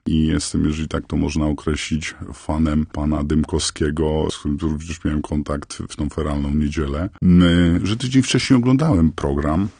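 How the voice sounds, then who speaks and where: A man speaks through a disguised, electronically altered voice that sits extremely low, gravelly and husky. His delivery is halting and earnest, as he searches for his words. The sound is close and dry. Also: steady tone, warm tone, no echo. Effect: voice electronically altered and lowered to stay anonymous. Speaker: anonymous parent guest. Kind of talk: radio interview.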